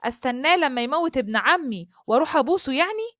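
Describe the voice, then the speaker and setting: A headstrong young woman speaks in a sharp, sarcastic way, as a woman storyteller voices her. The voice is high and fast. The sound is dry and close. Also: expressive, no echo.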